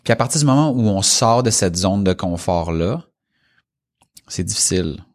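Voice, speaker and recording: A man's voice: low-pitched, lively intonation, moderate pace. A man with a Québécois accent in a casual, reflective conversation, explaining ideas with everyday examples. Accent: Québécois French.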